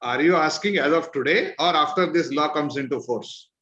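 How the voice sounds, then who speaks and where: A man's voice: on the high side, moderate pace, pushed and bright. North Indian man explaining over a dull call. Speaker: discussion leader, presenter. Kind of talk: informal expert explanation in online discussion. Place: virtual meeting call.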